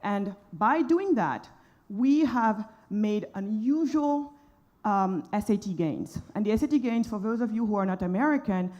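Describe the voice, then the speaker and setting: A woman's voice: medium pitch, lively intonation, measured pace, darkish tone, muffled recording. A woman from Senegal, an entrepreneur, speaking on a conference panel in a passionate, emphatic and outspoken way.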